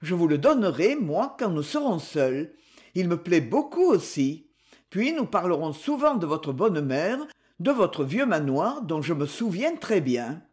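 A woman reading an audiobook voices a young man who speaks in a measured tone of cold irony. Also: on the low side, big pitch swings, a little mellow. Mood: tender. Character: calm, cool-mannered young man, ironic.

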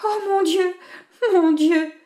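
A woman reading aloud voices a young wife in anguish, her speech high, loud and breaking with distress. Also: fairly even intonation, slow. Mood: grieving. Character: young grieving wife, frantic and tearful.

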